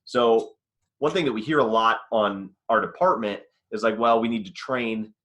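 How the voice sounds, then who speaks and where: A man hosting a podcast moves the conversation along in a loose, casual way, with plenty of fillers. His voice sits low but comes across bright and forceful. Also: moderate pace. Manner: steering the talk, loose and filler-heavy.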